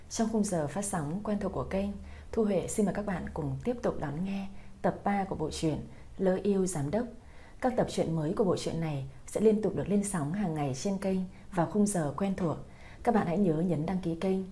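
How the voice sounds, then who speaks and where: A woman reading a romance story aloud as an audiobook narrator, in a calm, even storytelling manner. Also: lowish voice.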